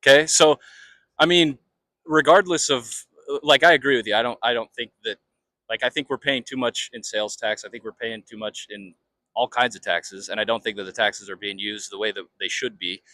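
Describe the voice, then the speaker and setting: A man's voice: mid-range voice, steady tone, sharp tone. Casting: American male street interviewer, mid-range voice, unscripted and rambling, very little echo. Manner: rambling, halting, repeats phrases. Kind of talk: casual, unscripted street talk.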